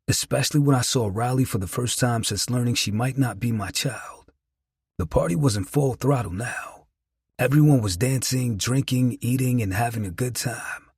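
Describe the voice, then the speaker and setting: A man with a very husky, breathy voice reads a first-person audiobook. His delivery is reflective and earnest, and the sound is dry and close. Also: medium pitch, darkish tone, no echo. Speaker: audiobook narrator.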